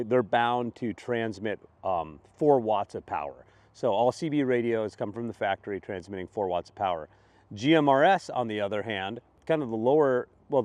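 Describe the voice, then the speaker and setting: Speaking at medium pitch with a slightly mellow tone, a man from a radio shop answers viewers' product questions. He's matter-of-fact and conversational, working things out aloud in this informal explainer. No room sound is audible.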